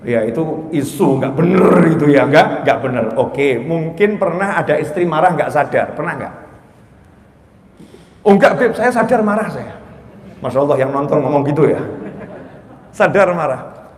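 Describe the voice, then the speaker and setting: A man preaching in a mosque, joking with the congregation and then building to forceful exhortation. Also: fairly high pitch, normal speed. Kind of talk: sermon. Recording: echoey mosque hall.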